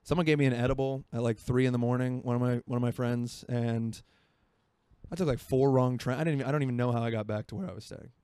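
A man's voice: medium pitch, steady tone, fast, dark tone, clean tone, no echo. A man in his twenties from Florida, hosting a solo podcast in rambling, self-mocking casual chat from his home by a marina. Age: 20s. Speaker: podcast host.

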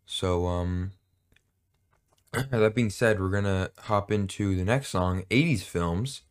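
In a low, clean-toned voice, a man speaks slowly as co-host of a laid-back music podcast. His casual chat wanders, full of hesitation, jokes, and fillers.

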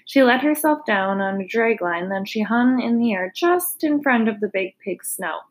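A woman reading a children's chapter book aloud, gentle and expressive. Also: a little high, moderate pace, rough recording. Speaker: reader. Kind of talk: storybook read-aloud.

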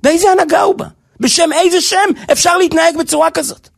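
A man with a strikingly high voice preaches a sermon with fervour. His delivery rises into near-shouts and then drops to a hush. The tone stays earnest and emotional throughout. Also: gravelly. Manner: impassioned, swings between soft and loud. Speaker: rabbi.

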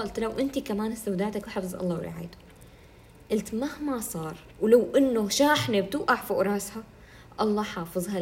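A woman giving an earnest religious self-help talk, telling stories animatedly and imitating other people. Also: medium pitch.

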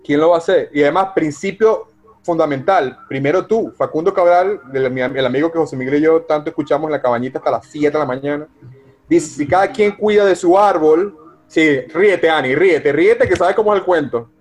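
A man's voice: a little high, fairly quick, faint music behind. A man hosting a live online coaching talk over a video call, emphatic and speaking directly to listeners by name. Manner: emphatic, addresses listeners by name, frequent self-corrections.

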